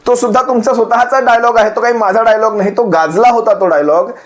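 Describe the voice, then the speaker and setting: A man's voice: high-pitched, quick pace. A man speaking as a party spokesperson, attacking a rival with rhetorical questions and repeated phrases. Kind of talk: political speech addressing opponents.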